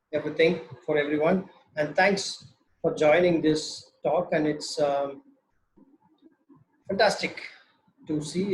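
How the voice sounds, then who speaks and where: A man with a fairly high voice and a South Indian accent speaks informally to an online audience. He sounds slightly nervous, pausing and restarting in a conversational, joking manner. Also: poor audio. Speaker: webinar speaker. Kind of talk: informal talk on books.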